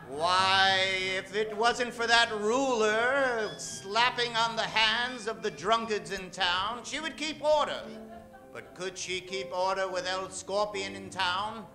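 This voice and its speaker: Over music, a man with a high, bright, forceful voice announces the cast of an old-time radio western. He speaks slowly and theatrically, dramatic and emphatic, drawing out the names.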